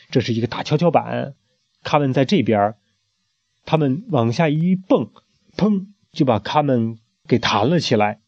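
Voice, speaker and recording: A man's voice: medium pitch, darkish tone, dry recording. A man reading a picture book aloud to a child, narrating dramatically and adding sound effects. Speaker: storyteller. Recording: muffled lo-fi home recording.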